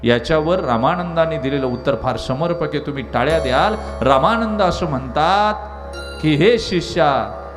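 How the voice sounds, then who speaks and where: Man preaching, fairly high voice, dramatic swings, devotional music playing behind. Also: animated, normal speed. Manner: dramatic storyteller, swings from low asides to loud high climaxes. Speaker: kirtan preacher. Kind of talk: devotional kirtan sermon with storytelling. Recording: live kirtan with instrumental music behind. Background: instrumental music.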